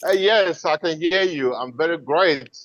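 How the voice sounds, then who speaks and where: A man's voice: fairly high pitch, measured pace, fairly bright tone, dry recording, dull audio. A man in his forties from West Africa, a financial consultant being interviewed, speaking with many fillers and easy laughter over a video call. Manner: hesitant, filler-heavy, laughs easily. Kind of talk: remote interview.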